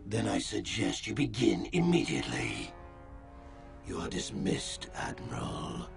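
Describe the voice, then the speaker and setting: A menacing Sith dark lord, speaking slowly in a very deep, gravelly voice. He gives cold commands with rising, falling weight, and faint game music sits behind him. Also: huge pitch swings, full character voice.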